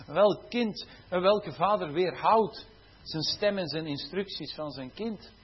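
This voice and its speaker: Male preacher, high husky voice, fervent sermon with chatty self-corrections, dull lo-fi audio. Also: slow. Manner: rising to fervent exclamations of hallelujah; self-correcting, conversational asides.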